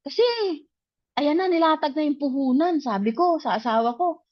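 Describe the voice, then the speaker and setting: Raised in the provinces, this woman shares her own story as casual testimony, speaking at a normal pace in a high voice. She acts out recalled conversations with animation. The audio is dry and dull.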